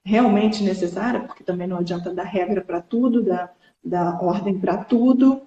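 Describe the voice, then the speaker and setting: A woman's voice: medium pitch, normal speed, mellow. A woman hosting a casual live chat, talking earnestly with many fillers and restarts. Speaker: host. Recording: dull lo-fi echoey room.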